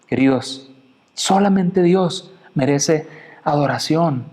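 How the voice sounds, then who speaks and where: Man from Mexico, preacher; lively sermon delivery with pointed questions to listeners, slightly raised pitch. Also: takes it slowly. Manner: animated preaching, acting out quotes with big pitch swings; addresses listeners directly with questions.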